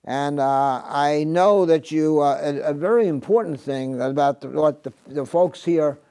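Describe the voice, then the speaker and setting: Older male TV host, halting and dark-toned. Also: a little high, smooth. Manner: halting, many filler sounds. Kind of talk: studio interview. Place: TV studio set. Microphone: lapel.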